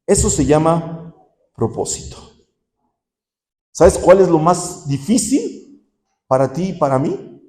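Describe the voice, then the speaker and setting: A man preaching a sermon at a rehab center's visiting day, impassioned with sudden soft, slow drops. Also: a little high, very animated. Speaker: pastor.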